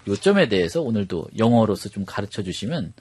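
A man's voice: on the low side, big pitch swings, fairly quick, a little mellow, slightly rough. A male radio host, chatty and full of fillers, leading an English lesson in a studio. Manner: chatty, uses many fillers.

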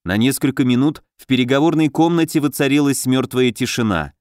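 A man narrating a fantasy novel as an audiobook reader, voicing the characters in one steady, lightly acted voice. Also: mid-range voice, fairly quick, no echo, clean studio sound.

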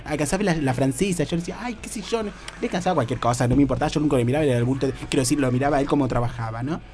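A man's voice: mid-range voice, rapid-fire, a little mellow. A man with a Rioplatense accent hosting a radio comedy show, telling a story in a camp, theatrical way full of hesitations and fillers. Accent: Rioplatense Spanish. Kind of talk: comic storytelling.

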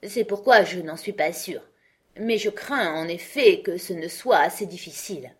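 A woman's voice: fairly low pitch, moderate pace, slightly rough. Woman reading an earnest, grave knight. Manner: grave, proud, rambling explanations. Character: earnest, solemn male knight, clumsy inventor. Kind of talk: audiobook character reading.

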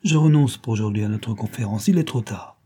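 A man voicing a disguised detective playing a grumpy, haughty gentleman who grumbles curtly. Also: on the low side, a little fast. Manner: gruff, grumbling, curt.

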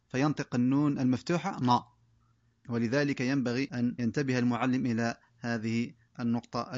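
A man's voice: medium pitch, dry recording, dull audio. A man teaching a reading primer for Quran recitation, explaining the lesson and modeling each syllable one by one. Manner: slow drilled syllable-by-syllable modeling.

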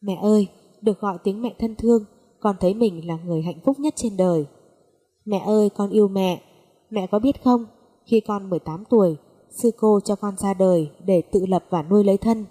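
Woman reading choked-up young orphan girl, mellow, long reverb. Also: medium pitch, normal speed, close to an everyday voice. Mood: tearful. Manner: choked, sobbing speech.

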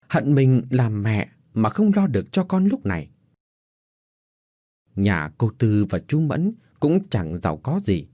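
A man narrating a dramatic story in an expressive, scripted way. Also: mid-range voice, no room sound, clean studio sound.

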